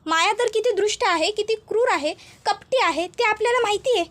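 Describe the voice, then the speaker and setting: A woman's voice: extremely high pitch, fairly quick, a bit bright. A woman voicing a trapped spirit woman. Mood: shocked. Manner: pleading, earnest. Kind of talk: storytelling voice acting.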